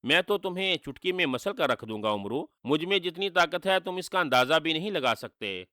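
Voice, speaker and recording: A boastful sorcerer villain, as a narrator puts him on, mocking and gloating. The voice is bright and edged, with a close, dry sound. Storybook telling. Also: male voice, a little high, animated, fairly quick, no echo. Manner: gloating, taunting with read-out laughter.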